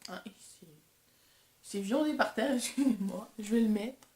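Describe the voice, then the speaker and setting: A woman's voice: fairly high pitch, unhurried, dark tone, roomy sound. A young woman vlogger chatting casually and self-deprecatingly while testing makeup. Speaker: beauty vlogger. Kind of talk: casual chat.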